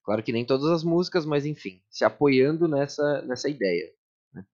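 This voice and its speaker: A man's voice: medium pitch, expressive, moderate pace, darkish tone, dull audio. A man with a Brazilian Portuguese accent in casual podcast chat, explaining things in slangy everyday speech as a guest musician.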